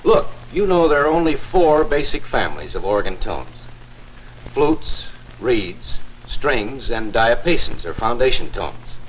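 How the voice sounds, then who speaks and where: An actor playing a courteous, confident church organist, explaining in a formal, measured 1950s narrator manner for a promotional film. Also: male voice, mid-range voice, sing-song. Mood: instructive, assured. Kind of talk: 1950s promotional film acting, scripted demonstration. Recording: muffled, noisy 1950s film soundtrack.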